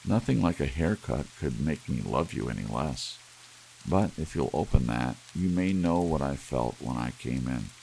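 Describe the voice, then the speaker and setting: A man voicing a quiet, tender young husband, slow and gentle, in a soft ASMR storybook reading. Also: rumbling low, creaky, exaggerated voice, rough recording. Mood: tender, resigned. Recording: audible hiss under steady rain sounds. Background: soft rain.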